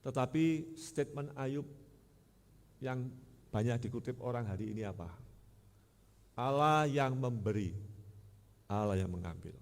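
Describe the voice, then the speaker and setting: A man preaching a sermon, swinging between loud and soft and asking the congregation rhetorical questions. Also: mid-range voice, unhurried, long pauses, long reverb tail.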